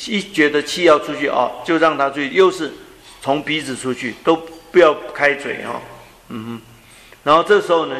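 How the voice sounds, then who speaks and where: A man giving a slow, gentle dharma talk on breathing meditation, often trailing off with soft drawn-out particles. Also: fairly high pitch. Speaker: Buddhist teacher. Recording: echoey hall with long reverb.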